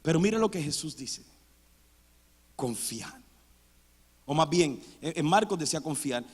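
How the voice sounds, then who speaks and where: Male pastor, high voice, dramatic sermon bursts, long hall reverb. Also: animated, fairly quick, breathy edge. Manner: preaching with sudden loud dramatic outbursts. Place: church sanctuary.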